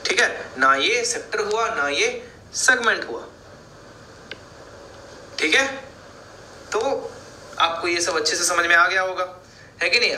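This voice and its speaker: A man's voice: high-pitched, bright, forceful tone, a little hiss or hum. A male math teacher giving a board lecture, explaining step by step and asking and answering his own questions. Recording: echoey room.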